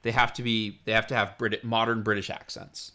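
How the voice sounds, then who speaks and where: A man's voice: lowish voice, level tone, brisk, bright, forceful tone. A man co-hosting a podcast, reading out episode summaries and rambling through his points with many restarts. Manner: rambling, self-correcting, reads summaries aloud. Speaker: podcast co-host. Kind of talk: casual chat, recapping episodes.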